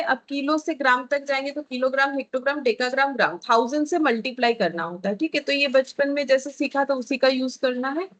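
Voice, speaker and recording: High-voiced woman teaching a math class. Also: fairly bright tone, rough recording. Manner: explains step by step, checks in with frequent "okay".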